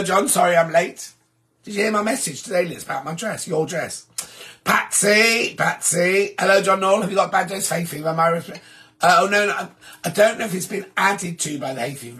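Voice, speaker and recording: Chatty male livestream host, throat hoarse and sore, voice sits a touch high, rambling and self-deprecating. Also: pushed and bright. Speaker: livestream host reading viewer comments. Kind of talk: casual chat with viewers.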